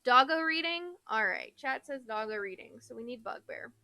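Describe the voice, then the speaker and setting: Bright-voiced woman hosting a live stream. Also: on the high side, lively intonation, moderate pace, slight background noise. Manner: chatty, playful, talks to her dog. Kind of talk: casual live stream chat.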